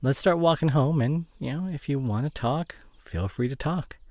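A man playing a gentle, devoted boyfriend in an intimate audio role-play, speaking in a soft, breathy, soothing bedside voice. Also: on the high side, moderate pace, no echo. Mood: gentle, coaxing.

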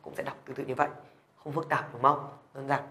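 A man's voice: medium pitch, flat delivery, fast talker, sharp tone, echoey room, a little hiss or hum. A man teaching a language lesson, patiently repeating questions to check that students follow. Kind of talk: classroom lesson explanation.

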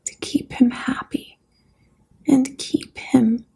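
A woman narrating a horror story soft-spoken and whispered, as whispered role-play. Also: sits high, flat delivery, slow pace, gravelly, husky.

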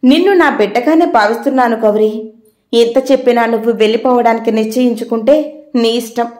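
A woman voicing a quick-tempered housewife. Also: on the high side, echoey room, lightly acted. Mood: scolding. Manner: scolding, forceful questions. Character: middle-aged housewife, caring but quick-tempered.

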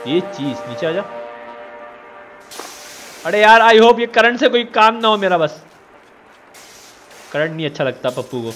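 A man's voice: high voice, fairly bright tone. A man giving casual let's-play commentary, teasing and scolding the character he controls. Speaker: gamer.

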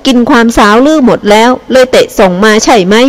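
A woman voicing an angry, grieving old father who scolds slowly and heavily in a storybook reading. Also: fairly high pitch, expressive, lightly acted. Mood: bitter scolding.

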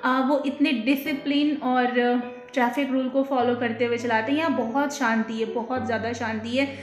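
A young woman with a slightly high voice chats easily to her viewers. She talks with fillers and small laughs, filming herself on a phone camera in her kitchen. The room sounds echoey and faint music plays behind her. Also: steady tone, normal speed. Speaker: vlogger. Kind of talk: casual chatty vlog. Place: home, quiet flat in the kitchen.

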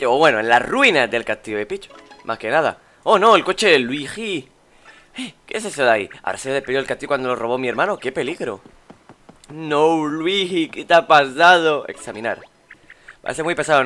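Young Spanish let's player, chatty and exclamatory, bright mid-pitched voice. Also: male voice, lively intonation, fast. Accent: Spain. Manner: chatty, exclaiming, mutters while searching. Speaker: gaming YouTuber. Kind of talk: let's play commentary.

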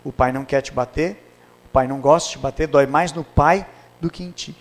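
A middle-aged male pastor, preaching a sermon and telling family stories with acted dialogue, swinging from loud to hushed. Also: a little high, a little fast. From Brazil.

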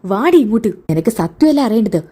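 Woman doing a bossy angry sister-in-law, harsh scolding, mellow tone. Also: fairly high pitch, big pitch swings, brisk, slightly rough.

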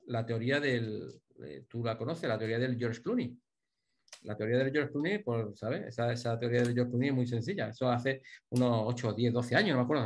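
A man's voice: medium pitch, creaky. Joking middle-aged Spanish man storyteller. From Spain. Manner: jokey anecdote teller, many restarts. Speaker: hotel director, guest. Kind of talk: casual interview, storytelling.

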